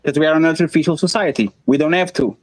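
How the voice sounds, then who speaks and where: A man's voice: a little high, fast, dry recording, poor audio. A man hosting his own stream, talking casually and hammering points home by repeating them. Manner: emphatic, repeats himself. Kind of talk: casual online debate chat.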